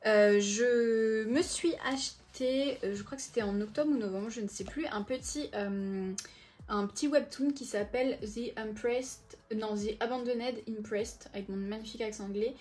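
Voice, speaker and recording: A woman's voice: on the high side, moderate pace, a little mellow. A woman in her twenties chatting casually through a book haul video, often hesitating and correcting herself. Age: 20s. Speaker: book vlogger.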